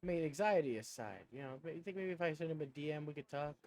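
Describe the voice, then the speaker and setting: A video game streamer chats casually while playing, rambling self-consciously and thinking aloud as he goes. His voice is fairly high and a little mellow, and he talks at a quick pace.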